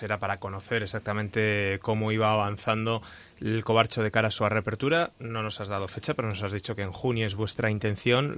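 A man hosting a radio interview in a studio, speaking in a measured, even way. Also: fairly low pitch. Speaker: radio host.

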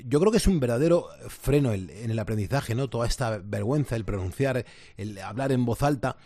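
A man's voice: mid-range voice, expressive, fairly quick, mellow, no room sound, studio quality. Conversational male interviewer. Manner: conversational, reflective. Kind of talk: interview questions.

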